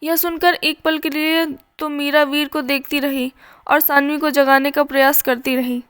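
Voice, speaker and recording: A woman narrating a scripted story in a measured, plain way. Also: high-pitched, little pitch movement, a bit bright.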